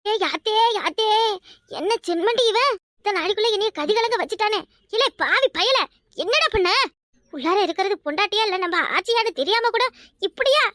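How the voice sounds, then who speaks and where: A woman voicing a loud, fussing village grandmother and a young wife in a cartoon, with a high, wailing, scolding way of talking. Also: lively intonation, a little fast, no room sound, clean studio sound. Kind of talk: cartoon voice acting.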